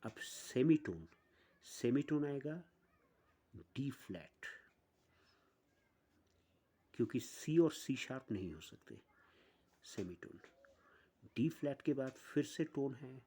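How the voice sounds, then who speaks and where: A man teaching an online music lesson, explaining step by step with pauses. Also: medium pitch, lively intonation, mellow, breathy edge.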